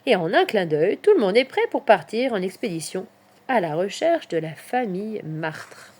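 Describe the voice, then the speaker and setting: A woman narrating a children's Christmas story in an expressive storyteller's manner. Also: medium pitch, normal speed. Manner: expressive, lilting.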